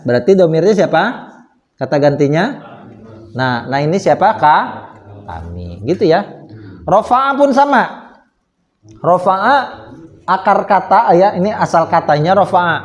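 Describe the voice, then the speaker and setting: A man with an Indonesian accent teaching Arabic grammar to a class, asking questions and answering them patiently. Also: sits high. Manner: slow, patient, asks and answers his own questions. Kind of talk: classroom lesson with questions to students. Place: small prayer room.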